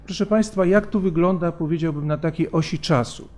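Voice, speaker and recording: Middle-aged male lecturer, fairly high voice, halting delivery with fillers, lectern mic in a big hall. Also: darkish tone. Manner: measured, hesitant with frequent fillers and restarts. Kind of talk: academic conference lecture. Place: large conference hall, at a lectern. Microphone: lectern microphone.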